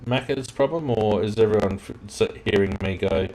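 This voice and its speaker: A man's voice: lowish voice, moderate pace, darkish tone. A man co-hosting a football chat over a remote call, his voice breaking up into crackly, robotic stream audio as he checks whether the connection sounds better. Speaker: podcast co-host.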